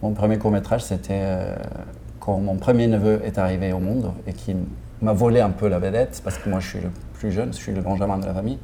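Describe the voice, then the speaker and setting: Brief: low, gravelly Argentine man in his forties, hesitant, warm-toned, faint background hum. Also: steady tone, a little fast. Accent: Argentine Spanish. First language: Spanish. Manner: hesitant, many restarts, laughs often. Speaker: film director. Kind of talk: casual interview answers.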